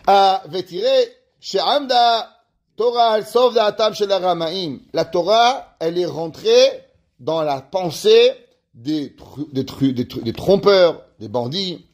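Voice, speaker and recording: A man, a rabbi, teaching an ethics class and telling a story in a lively way, reading Hebrew passages aloud. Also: high-pitched. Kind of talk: ethics lesson with a told story.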